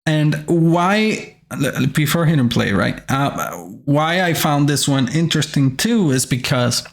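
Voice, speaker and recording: Gravelly, halting man giving casual commentary. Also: on the high side, expressive. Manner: halting, searching for words. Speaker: host reviewing commercials.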